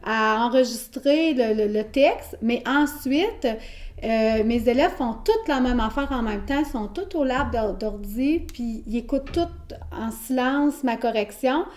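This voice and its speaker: A woman's voice: fairly high pitch, expressive, a little slow, a little mellow. A woman teacher with a Québécois accent, explaining her teaching method in an interview, patient and explanatory with frequent hesitations. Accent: Québécois French. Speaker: elementary school teacher.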